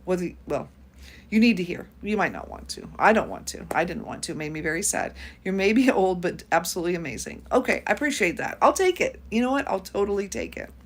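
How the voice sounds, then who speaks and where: Fifties American woman, livestream host, talkative, lively pitch. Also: fairly quick. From United States. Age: 50s. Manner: chatty, reads out viewer comments. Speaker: YouTube host. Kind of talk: casual livestream chat.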